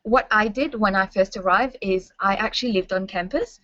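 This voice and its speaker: In this webinar presentation, a young university staffer whose first language is French guides students warmly and instructively, often checking their understanding. Her medium-pitched voice has a sharp tone at a normal pace, captured dry and somewhat muffled.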